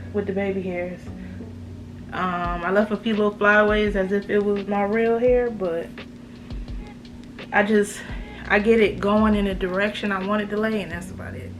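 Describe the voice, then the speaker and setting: Talking straight to the camera, this American woman delivers an emphatic, slang-filled beauty review. Her voice sits at medium pitch, and a slight lisp comes through from her braces.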